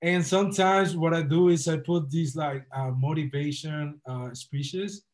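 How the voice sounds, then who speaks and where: Fairly high in pitch and measured in pace, this young guest entrepreneur from the Dominican Republic shares his story on a relaxed podcast. His delivery is sincere, cheerful and motivational.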